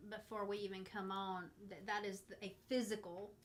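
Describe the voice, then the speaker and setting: A woman's voice: medium pitch, little pitch movement, normal speed. A woman co-leading a Bible study, adding points about the verses and asking questions in an easygoing way. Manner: chimes in with short agreements and adds verse notes. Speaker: youth director co-hosting a Bible study. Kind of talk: conversational Bible discussion.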